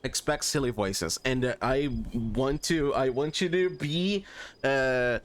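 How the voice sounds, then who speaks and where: A man's voice: mid-range voice, slow. A man streaming, chatting casually in a rambling, stammering, upbeat way. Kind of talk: casual chat.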